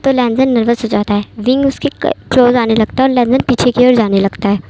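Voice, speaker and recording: A woman's voice: a little high, steady tone, fairly quick, mellow, rough recording. Woman narrating a fan story casually. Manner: chatty, conversational.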